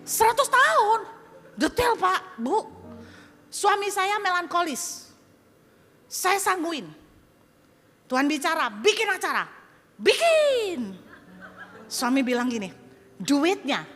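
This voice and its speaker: A middle-aged woman pastor, preaching and acting out personality types with lively voices. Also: very high-pitched. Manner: animated, acts out temperaments with quick voices and laughs. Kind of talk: sermon. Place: large church hall. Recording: echoey church hall with soft music.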